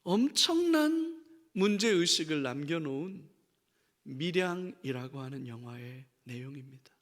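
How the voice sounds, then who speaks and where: A man's voice: on the high side, very animated, unhurried, fairly bright tone, in a large hall. A middle-aged male pastor preaching a sermon, questioning the congregation and acting out the voices he quotes. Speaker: senior pastor. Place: church sanctuary.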